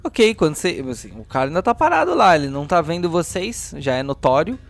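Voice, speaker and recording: A Brazilian man acts as game master for a horror tabletop game, switching between dramatic narration and casual, slangy asides, with music in the background. His gravelly voice is fairly high, sing-song and fast.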